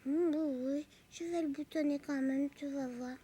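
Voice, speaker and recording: An actress voicing a lively, curious little girl on a children's TV show. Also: sits high, measured pace. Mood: determined. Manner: eager, childlike, bragging. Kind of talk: children's TV acting.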